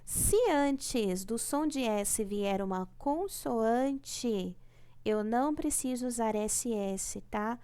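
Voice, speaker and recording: A woman with a slightly high voice speaks slowly, with a dark, clean tone and a Brazilian Portuguese accent. Teaching a primary class remotely, she stays patient and repetitive, drawing out key words and checking in frequently.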